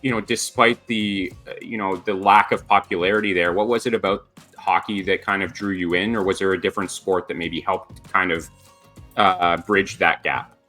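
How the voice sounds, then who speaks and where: A man's voice: sits low, steady tone, normal speed, pushed and bright, soft background music. A man hosting a podcast interview, upbeat and chatty, often restarting his sentences as he rambles toward his questions. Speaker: podcast host.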